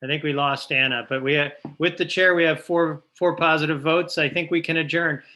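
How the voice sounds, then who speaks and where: A man's voice: a little high, steady tone, moderate pace, pushed and bright. A man chairing a remote committee meeting on a conference call, moderating procedure in a polite, informal way.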